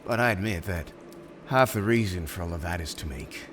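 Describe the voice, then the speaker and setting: Pushing his already low voice down further, a man talks a little fast as a smug, urbane supervillain interviewing a possible minion in ASMR roleplay. He is courteous and businesslike yet theatrical and emphatic, and background noise is audible.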